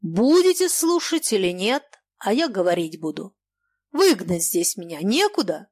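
Woman voicing a defiant young merchant, slow and accusing, storybook. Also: mid-range voice, big pitch swings, darkish tone, no echo. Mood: defiant threat. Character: furious proud young male merchant.

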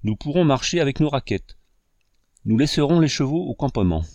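A calm young woodsman , as a man reading a storybook puts him on. He speaks steadily, like someone who knows the woods well, in a dry, close recording. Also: mid-range voice, brisk, no echo, pitched above the performer's own voice, natural voice. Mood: keen.

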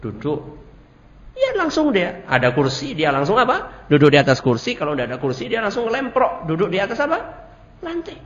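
Lively male teacher in an echoey hall. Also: high-pitched, moderate pace. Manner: quizzes the audience with questions; animated storytelling. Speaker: religious teacher. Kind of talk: religious study lecture. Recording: echoey hall, dull lo-fi audio.

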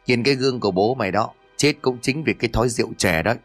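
A man voicing a sharp-tongued middle-aged mother in a horror audio story, quick and nagging as she scolds her son. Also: medium pitch, soft background music, lightly acted. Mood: scolding.

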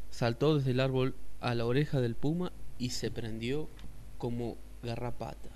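A man narrating a children's story in a lively, expressive way. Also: medium pitch, slight background noise.

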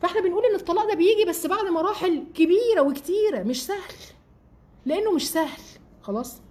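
A woman in her forties with an Egyptian accent, giving chatty, animated religious and family advice on a live stream. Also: very high-pitched, quick pace. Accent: Egyptian Arabic. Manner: chatty, animated, addresses listeners as sisters. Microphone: live-stream mic.

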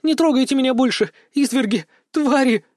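A man's voice: extremely high pitch, moderate pace, a little mellow, no room sound, studio quality, voice pushed up. A man voicing a young captive girl who pleads and cries out in terror, in an audiobook. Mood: desperate pleading.

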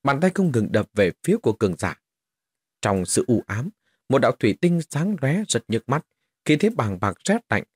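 Brief: male fantasy audiobook narrator, husky voice, animated pitch, expressive storytelling. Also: normal speed, no echo, studio quality. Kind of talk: audiobook reading of a fantasy novel.

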